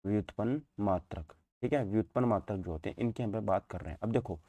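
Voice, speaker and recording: This man, a physics teacher, speaks quickly in a lowish voice with a dark tone and no echo. His informal online exam-prep lecture mixes Hindi with English terms, and he repeats himself, answers his own questions, and adds frequent check-in tags.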